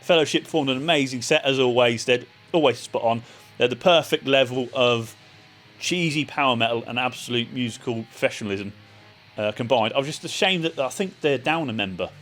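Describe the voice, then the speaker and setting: A man's voice: medium pitch, brisk, fairly bright tone, soft background music. A man giving a casual, chatty spoken review of a festival, loose and full of ums and uhs. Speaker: vlogger reviewing a metal festival.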